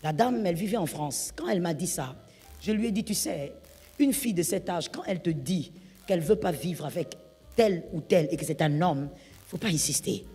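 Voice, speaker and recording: A woman pastor with a gravelly, husky voice set fairly high, preaching a sermon. She tells a story and acts out its people, swinging from hushed asides to loud outbursts. Her voice rings in a reverberant hall, with soft music behind. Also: expressive, normal speed.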